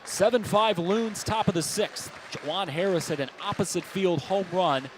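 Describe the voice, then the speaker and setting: An American man calls live baseball play-by-play in a fairly high voice at a moderate pace, using clipped, present-tense lines that swell on big plays. A faint crowd and ballpark ambience from an outdoor stadium sit behind him.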